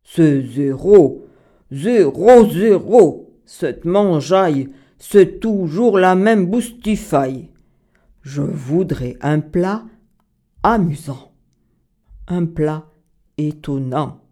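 Grumpy old king, put on by a woman reader; slow, mellow, lively swoops. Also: deep voice, full character voice. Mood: grumbling. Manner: loud, disgusted, drawn-out complaining. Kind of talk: children's storybook reading.

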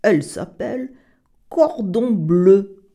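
A woman doing a soft-spoken little pig. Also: mid-range voice, lively intonation, takes it slowly. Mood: earnest. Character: friendly little pig, male. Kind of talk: children's storybook reading.

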